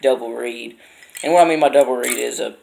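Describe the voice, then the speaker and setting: Casting: man, informal hobby instructor, creaky mid-pitched voice, halting explanations, noisy recording with clicks. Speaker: instructor demonstrating duck and goose calls.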